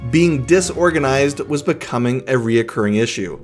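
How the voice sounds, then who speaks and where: A man casually narrating and commenting on his own gameplay, often dropping to a hushed, whispery voice while sneaking. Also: medium pitch, expressive, moderate pace. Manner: chatty, drops to a hushed whisper when sneaking. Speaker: gaming YouTuber. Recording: faint music underneath.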